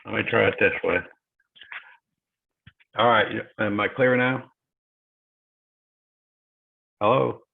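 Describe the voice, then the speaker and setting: A man moderating an online session, talking haltingly with many fillers over a crackly phone-like line that fades in and out. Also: on the low side, steady tone, gravelly. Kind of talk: presenting talk on a virtual call. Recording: tinny phone-like call audio.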